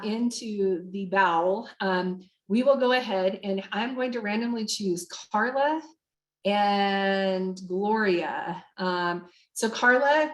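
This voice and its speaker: Upbeat woman running a work webinar, lots of ums, roomy video-call sound. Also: medium pitch. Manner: upbeat, chatty, many fillers. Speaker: webinar trainer. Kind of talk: online training webinar.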